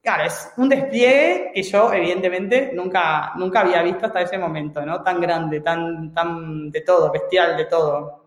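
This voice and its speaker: A man from Spain, a guest in an interview, telling a story in an animated way with many restarts and fillers. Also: sits high, moderate pace, reverberant, long reverb tail.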